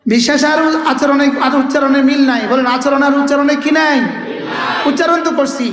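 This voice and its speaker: A man's voice: very high-pitched, steady tone, a little fast, a bit bright. A male Islamic preacher giving a waz sermon, leading the crowd in call-and-response and chanting Arabic phrases in a rhythmic lilt. He sounds tired. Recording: echoey hall with long reverb.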